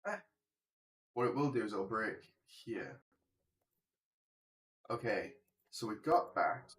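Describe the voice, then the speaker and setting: A man's voice: lowish voice, expressive, slow, a bit bright. A man live-streaming his coding session, thinking aloud in a self-deprecating way, his voice slightly worn, speaking into a desk microphone at his computer. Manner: self-deprecating, muttering to himself while working. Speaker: game developer streamer.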